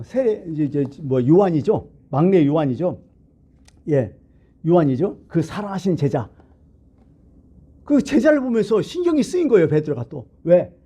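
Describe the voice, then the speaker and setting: This Sunday sermon comes from a pastor whose voice is a little high with a breathy edge. He talks conversationally, puts questions to the congregation, and alternates loud emphasis with hushed asides.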